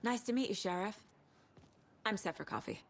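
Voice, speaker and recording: A woman's voice: mid-range voice, moderate pace, close to an everyday voice. A woman playing a composed, courteous federal agent in a video game. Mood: calm, professional. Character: composed, courteous female FBI agent investigator. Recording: faint background ambience noise.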